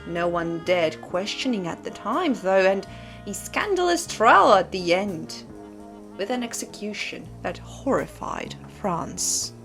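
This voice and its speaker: Faint music sits behind a woman whose medium-pitched, slightly bright voice swings widely in pitch as she takes her time. Hosting commentary on disturbing books, she speaks to camera from a casual script, dramatic and conversational, leaning on rhetorical questions aimed at the viewer.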